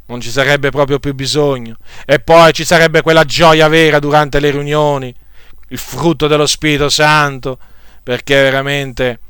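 A male preacher delivers an emphatic, rebuking sermon, hammering points home by repeating them. His voice is bright and clean, set a little above the usual male pitch. The sound is dry, with no room echo. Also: clear, resonant tone.

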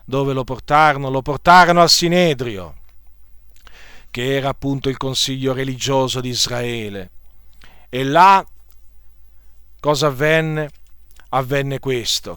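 A man's voice: mid-range voice, fairly bright tone, clear, resonant tone, dry recording, clean studio sound. Earnest male preacher telling a story. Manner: repeats phrases for emphasis, earnest storytelling. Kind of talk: sermon retelling a scripture story.

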